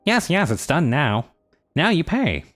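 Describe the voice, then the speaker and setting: A man's voice: fairly high pitch, very animated, unhurried, a bit bright, soft background music, pitched above the performer's own voice. A man voicing a boastful, nerdy male bird-creature bookbinder in a game, pompous and curt. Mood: pushy.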